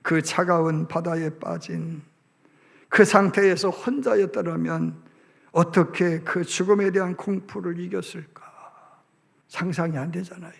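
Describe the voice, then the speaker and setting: A male pastor, preaching a sermon as animated storytelling that acts out voices. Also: high voice, a little slow, creaky. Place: church sanctuary. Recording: reverberant church sanctuary.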